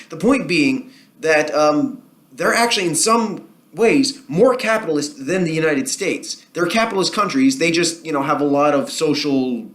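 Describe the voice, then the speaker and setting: A man's voice: a little high, fairly bright tone. A man with a New Jersey accent giving casual solo commentary, arguing his point in a rambling way with frequent ums and restarts. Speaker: political commentary vlogger.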